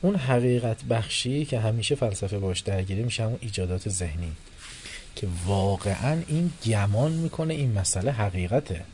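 A man giving a religious philosophy lecture to a class, animated, moving between soft and loud and acting out the people he quotes. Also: on the low side, a little hiss or hum. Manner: animated, shifting loudness, quotes and acts out people.

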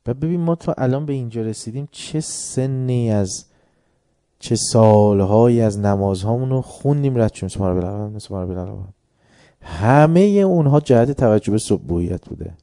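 A man preaching a religious sermon with passion, often swelling loud and then dropping low. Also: animated, no room sound, clean studio sound.

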